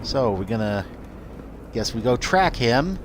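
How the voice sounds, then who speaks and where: Man, medium pitch, casual gaming commentary, thinking aloud, noisy game sound underneath. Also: very animated, unhurried. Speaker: video game player and commentator. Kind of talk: casual let's play commentary. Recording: game noise behind the voice. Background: video game sound.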